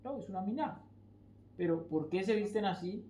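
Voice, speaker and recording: A man's voice: high-pitched, animated, normal speed, mellow, roomy sound, slight background noise. A man in his thirties giving a casual lesson, talking in a digressive way and asking and answering his own questions. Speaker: Kabbalah teacher.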